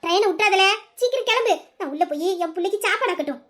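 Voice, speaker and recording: A woman's voice: extremely high pitch, expressive, fairly bright tone. A woman doing a fussy, doting village mother. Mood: fussing. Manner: fussy and sentimental, gives orders quickly. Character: doting village mother, fussing over her favourite son.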